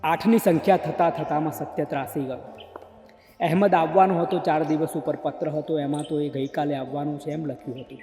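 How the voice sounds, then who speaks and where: A man narrating a novel in a measured, literary audiobook style, his voice slightly high and mellow. The reading echoes through a long hall with faint music underneath. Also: steady tone.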